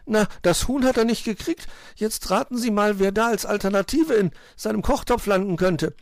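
A man voicing a small, timid male bird with a squeaky, piping voice for a storybook audiobook. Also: moderate pace, dry recording, clean studio sound. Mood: frightened. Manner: timid, whiny about hunger.

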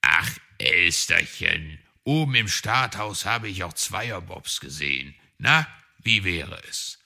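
A man's voice: low-pitched, animated, slow pace, creaky, pushed and bright, heavily acted. A man voicing a bossy, eager male fox in a children's story, giving orders and coaching his companion. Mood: genial. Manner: commanding, coaching.

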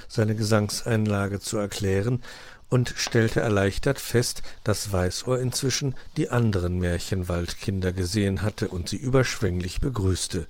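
A man's voice: fairly low pitch, darkish tone. A man narrating a children's animal story in a scripted style.

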